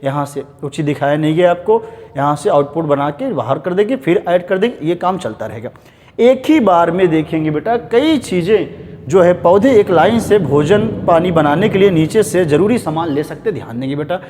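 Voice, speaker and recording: A man with a high voice teaches biology for exam prep, speaking Hinglish. He keeps calling his students "beta" and tells them to pay attention. He reads textbook lines out slowly, then explains them at speed, and a long reverb hangs on his voice. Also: animated, darkish tone. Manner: addresses students as beta, repeats "dhyan denge".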